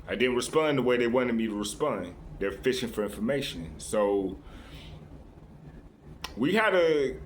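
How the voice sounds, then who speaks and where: Earnest rambling man, mid-pitched. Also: slight background noise. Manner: rambling, many restarts and "right?" tags; earnest, confiding. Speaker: vlogger addressing his viewers. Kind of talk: casual unscripted monologue.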